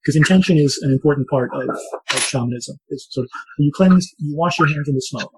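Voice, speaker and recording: A man with a slightly husky voice teaches shamanic ceremony as a guided meditation, in slow, repetitive, soothing phrasing. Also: fairly high pitch, noisy background. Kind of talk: guided meditation and spoken ritual instruction.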